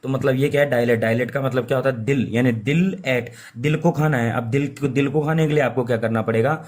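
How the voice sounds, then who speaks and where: A young man teaches English words in a chatty, informal lesson. He drills each meaning over and over, poses questions to his students and answers them himself. His voice sits at an ordinary middle pitch. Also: steady tone, fairly quick, a little mellow. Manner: repetitive, asks questions and answers them himself, playful mnemonics. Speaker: vocabulary teacher. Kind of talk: informal Hindi-medium lesson.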